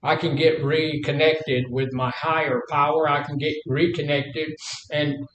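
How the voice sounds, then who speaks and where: A man's voice: flat delivery, measured pace, fairly bright tone, highs cut off. An older man in his seventies with a Mississippi Southern accent, giving an informal, folksy teaching talk to a group, repeating phrases and asking rhetorical questions. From Mississippi, United States. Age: 70s. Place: echoey indoor room. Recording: echoey room, faint background noise and rumble.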